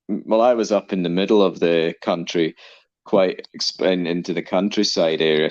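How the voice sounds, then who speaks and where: A man's voice: low voice, dry recording, lo-fi sound. A man with a mixed Danish and Scottish accent, chatting bluntly as a guest on a live stream over his mobile phone. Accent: Danish-Scottish mix. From Denmark. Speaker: guest caller. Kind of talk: casual chat.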